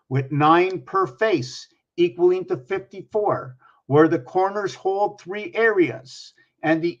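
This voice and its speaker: A man in his sixties giving a rambling explanatory monologue, working through sums aloud, pointing at objects and putting questions to the viewer. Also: on the high side. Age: 60s. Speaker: numerology speaker. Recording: dull lo-fi recording.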